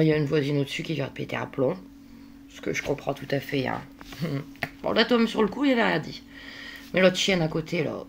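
A woman speaks straight to her camera in a casual daily vlog, worn out and exasperated, filling her talk with little hesitations. Her voice sits low with a gravelly edge. A faint hiss runs under the recording. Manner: exasperated, venting, many fillers and hein. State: worn out, at the end of her tether. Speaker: vlogger.

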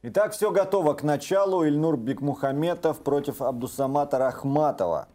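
A man's voice: fairly high pitch, expressive, normal speed, dark tone. A man presenting and commentating live on mixed martial arts bouts. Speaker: sports commentator.

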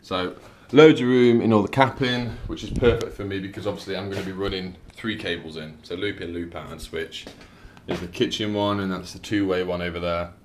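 Man, very low voice, electrician talking through a job, dry and chatty. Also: fairly even intonation, a little fast, hardly any pauses, slight background noise. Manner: chatty, dry, explains as he works. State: out of breath at times. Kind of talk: casual work vlog narration. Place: house being rewired, indoors.

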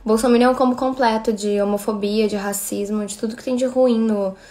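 Brazilian woman in her 30s, bit high voice, chatty, thanks viewers one by one on a phone live. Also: steady tone, brisk, mellow. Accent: Brazilian Portuguese. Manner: chatty, thanks viewers by name, mixes in Spanish. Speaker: livestream host. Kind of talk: casual livestream chat.

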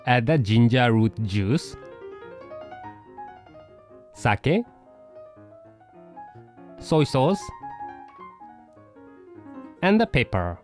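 A man voicing a poodle dog who hosts a cooking show, narrating a recipe in slow, deliberate steps. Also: mid-range voice, very animated, soft background music, poor audio. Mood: patient. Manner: slow, deliberate step-by-step instructions.

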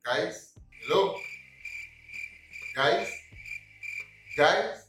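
A man who runs a tech channel, talking through deliberately poor, faint and distant audio to make a point about sound quality. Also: a little high, animated, roomy sound, over loud music. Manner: joking demonstration of bad audio. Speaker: tech YouTuber. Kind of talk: tutorial vlog.

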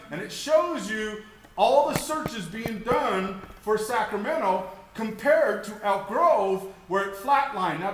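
High, bright-voiced energetic seminar speaker man. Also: a little hiss or hum. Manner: energetic, emphatic, rhetorical questions. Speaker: keynote speaker. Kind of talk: motivational seminar talk. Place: hotel meeting room with audience.

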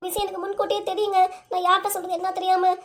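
Cartoon mother, anxious and placating, with a southern Tamil accent, voiced by a woman; very high, rapid. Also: little pitch movement, a bit bright. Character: worried wife and mother, trying to calm her husband.

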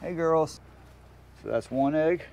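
Speaking slowly in a slightly high, gravelly voice with a darkish tone, a man vlogs about his homestead from a backyard chicken run. He uses folksy slang and chats casually to the audience and the animals, recorded outdoors on a handheld camera.

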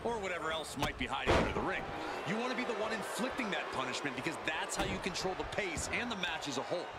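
An actor playing an opinionated wrestling analyst, giving colour commentary in a video game. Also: male voice, on the high side, expressive, quick pace, heavy background noise, close to an everyday voice. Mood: assured. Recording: loud music behind.

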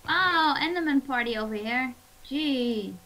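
Fairly high-voiced young woman, teasing gamer. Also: moderate pace, low-quality recording. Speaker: Let's Play gamer. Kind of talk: casual co-op gaming chat.

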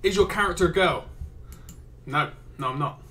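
A man's voice: on the high side, moderate pace, bright, forceful tone, slight background noise. A man with an English accent giving casual gaming commentary, reading out questions and answering them with wry, exasperated jokes. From England. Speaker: YouTuber and streamer.

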